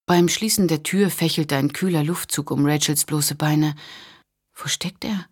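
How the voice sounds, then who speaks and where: Husky low-voiced woman narrator. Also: fairly even intonation, moderate pace, a little mellow. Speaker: audiobook narrator. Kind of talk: audiobook narration.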